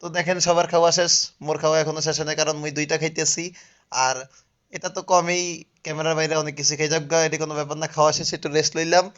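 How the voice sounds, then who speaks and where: Fast-talking man with a Barishal accent. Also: fairly high pitch, level tone, a bit bright, dull audio. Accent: Barishal dialect of Bengali. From Barishal, Bangladesh. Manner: joking, chatty, often asks listeners if they understand. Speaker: vlogger. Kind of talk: casual travel vlog narration. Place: outdoor resort with swimming pool.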